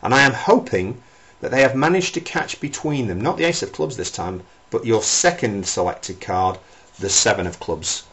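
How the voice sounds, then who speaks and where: A man's voice: medium pitch, animated, moderate pace, a bit bright. A man performing as a theatrical card magician, talking a spectator through tricks with showy patter and repeated phrases for emphasis.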